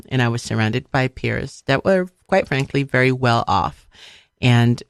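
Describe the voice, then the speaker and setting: In her motivational radio talk, a middle-aged radio show host from Liberia repeats key phrases and leans hard on each point. She has a very deep voice, captured in studio quality with no room sound.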